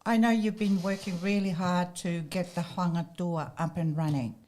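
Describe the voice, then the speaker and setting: A woman's voice: fairly low pitch, steady tone, normal speed, darkish tone. A woman hosting an interview, politely prompting her guest with questions. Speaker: host.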